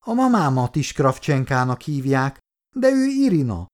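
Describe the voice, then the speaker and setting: A man voicing an eager, chatty little girl in an audiobook reading, with a high childlike voice. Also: big pitch swings, darkish tone, close to an everyday voice.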